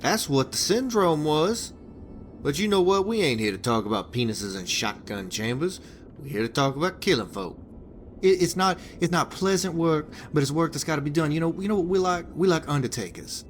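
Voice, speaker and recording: A man voicing a foul-mouthed hitman boss from a wasteland video game, rambling on with stammers and restarts. His voice sits a little high for a man and swings widely up and down. Faint noise runs behind him. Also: lively intonation, normal speed, close to an everyday voice. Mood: rambling crude. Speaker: game character giving a hitman job.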